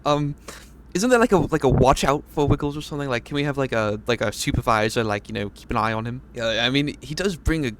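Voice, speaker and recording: A man plays his druid character in a tabletop game, hamming it up with playful, theatrical lines. He often stumbles and restarts. His voice sits at a middle pitch. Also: expressive, fast talker, noisy background. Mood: scheming. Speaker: player. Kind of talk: in-character tabletop role-play.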